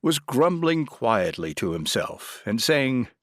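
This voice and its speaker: A man narrating a children's audiobook with an expressive, animated reading. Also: mid-range voice, takes it slowly, no echo, clean studio sound.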